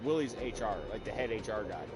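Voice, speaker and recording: A man's voice: lowish voice, quick pace, over music, low-quality recording. A man streaming a game, angrily retelling a fight at work in casual, profane chat. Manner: profane, heated, animated retelling. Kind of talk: casual venting story. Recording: steady background noise.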